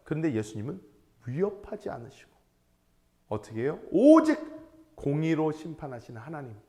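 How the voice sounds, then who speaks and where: A middle-aged man preaching a sermon in church, telling stories and acting out voices, swinging from hushed to loud. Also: a little high, animated, a little fast. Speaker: pastor. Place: church sanctuary.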